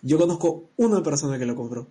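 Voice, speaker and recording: A man's voice: a little high, animated, fast, warm tone, husky. A man co-hosting a casual chat, joking around and sending playful greetings to his listeners.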